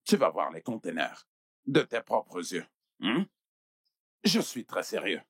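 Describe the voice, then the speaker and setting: A man's voice: sits low, big pitch swings, slow, slightly rough, no room sound, clean studio sound, heavily acted. An actor dubbing a wealthy middle-aged businessman chief who coaxes and pleads, repeating himself with tag questions. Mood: coaxing. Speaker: dub actor. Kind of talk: dubbed film acting.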